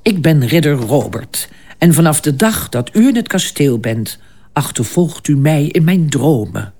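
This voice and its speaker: A narrator playing a proud, slow-spoken knight. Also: mid-range voice, expressive, dark tone. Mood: courtly. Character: proud young male knight, arrogant suitor.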